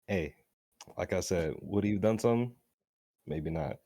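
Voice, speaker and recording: A man's voice: sits low, normal speed, dark tone, no room sound, studio quality. A man co-hosting a casual podcast, rowdy and emphatic, cutting in with strings of no. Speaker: podcast co-host.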